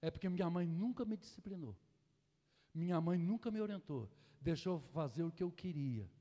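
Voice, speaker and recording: A man's voice: a little high, lively intonation, normal speed, mellow, natural voice. A man voicing a young man in jail who blames his mother for never disciplining him. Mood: resentful. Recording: echoey church hall.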